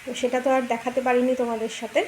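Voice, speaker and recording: A woman's voice: fairly high pitch, level tone, rapid-fire, a little mellow, a little hiss or hum. A middle-aged woman chatting casually to viewers in a home vlog, addressing them as friends. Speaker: vlogger. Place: home rooms.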